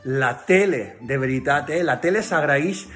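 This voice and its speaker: Bright-voiced man joking. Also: fairly high pitch, expressive, a little slow. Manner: playful, jokey, affectionate. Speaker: comedian and vlog host. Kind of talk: comic sketch vlog. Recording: echoey room with music behind.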